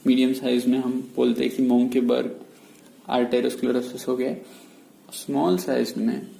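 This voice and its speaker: A man's voice: mid-range voice, little pitch movement, creaky, warm tone. Man teaching medicine in an echoey room. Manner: explains slowly, mixing Hindi and English, repeats key words. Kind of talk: whiteboard lecture. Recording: echoey room with faint noise.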